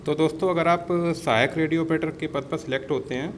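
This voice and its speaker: A slightly high, steady voice at a fairly quick pace belongs to an exam-prep instructor teaching informally. He restates his points, refers to listeners as friends, and sprinkles in English words. Background noise is clear in the audio.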